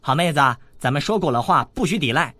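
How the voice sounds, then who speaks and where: A man's voice: fairly high pitch, animated, fast, sharp tone, dry recording, pitched above the performer's own voice. A man doing a brash teenage rascal boy. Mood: brash teasing. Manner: boastful, teasing, crude.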